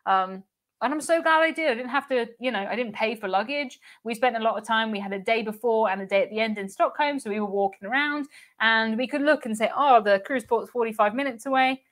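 A woman's voice: a little high, fairly quick, a bit bright. A young woman hosting a cruise live stream, chatting casually and reading out viewer comments, laughing often and repeating words. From United Kingdom. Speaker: cruise channel host.

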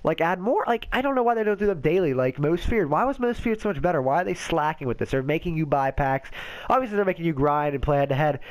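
Congested-sounding guy, nasal and a bit high, smooth tone, chatty stat-reading gamer commentary. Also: animated, fast, rough recording. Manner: rambling, reads off player stats, self-correcting. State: stuffy nose from a cold. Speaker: game video host. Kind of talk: casual gaming commentary.

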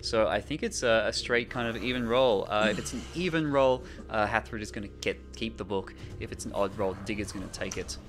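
A man narrating as game master of a tabletop game, brisk and checking the rules. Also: lowish voice, soft background music.

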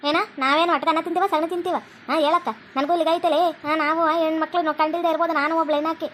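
A woman's voice: very high voice, flat delivery, very fast, fairly bright tone, a little hiss or hum. A woman with a North Karnataka Kannada accent, voicing the women of a home cartoon in a dramatic, scolding way. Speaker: voices all female characters. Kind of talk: cartoon voice acting.

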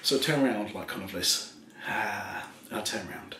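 A tipsy man in his thirties telling a rambling ASMR story in a soft voice, chuckling often and slipping into half-whispers. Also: fairly low pitch, normal speed. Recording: roomy echo, faint background hiss.

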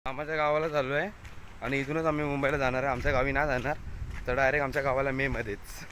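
A man's voice: mid-range voice, flat delivery, fast talker, a bit bright. Chatty man vlogging outdoors in rain. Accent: Konkani-region Marathi. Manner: chatty, pointing things out to viewers. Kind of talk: casual travel vlog chat. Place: outdoors in a rainy village. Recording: outdoor noise in the background.

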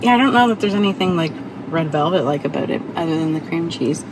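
A woman's voice: deep voice, expressive, fast talker. A woman in her forties hosting a casual taste-test vlog from a parked car, chatty and explaining as she goes. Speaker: vlog host. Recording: noisy car interior.

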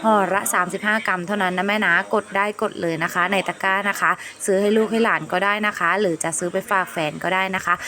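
A woman live seller giving a repetitive, coaxing sales pitch to viewers, with polite endearing address.

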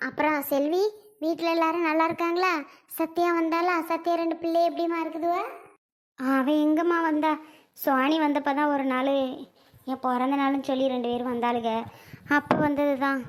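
A young performer voicing a calm, patient mother-in-law who speaks softly and coaxingly in a family skit. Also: high voice, lightly acted. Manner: soft, coaxing, slow and patient. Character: calm older mother-in-law, gentle and soothing.

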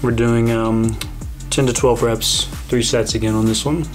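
A young man in his twenties talking casually in a home vlog voiceover with lots of fillers and a relaxed, rambling way of talking. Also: medium pitch, measured pace. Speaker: fitness vlogger. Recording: background music under the voice.

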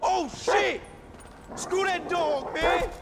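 An actor playing an angry, defiant rival gang member in a video game, taken hostage, yelling and cursing. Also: male voice, extremely high pitch, very slow, vocal fry, exaggerated voice. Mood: panicked. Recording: video game dialogue with loud noise.

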